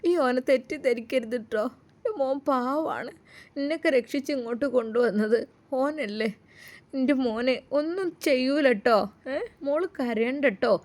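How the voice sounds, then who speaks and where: A woman voicing an elderly grandmother who gently soothes and reassures in a low, soft voice. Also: normal speed, natural voice. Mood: soothing. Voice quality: soft, lowered voice. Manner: coaxing, reassuring.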